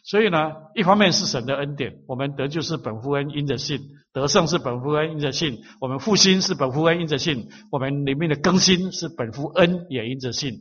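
Husky man preaching with slow repetition. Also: fairly high pitch, fairly bright tone, lo-fi sound. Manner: slow, emphatic repetition of phrases. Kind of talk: sermon teaching.

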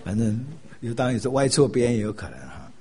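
An older man from Taiwan, giving a sermon with animated storytelling and laughing at his own jokes. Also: mid-range voice, fast talker, gravelly, slightly rough.

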